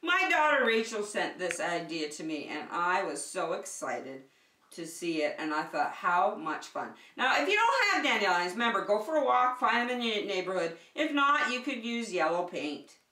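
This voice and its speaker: Very animated and sing-song, a preschool teacher talks to small children at a normal speed in a mid-range voice, demonstrating a craft with simple, encouraging phrases. The mic is distant and the room is full of echo.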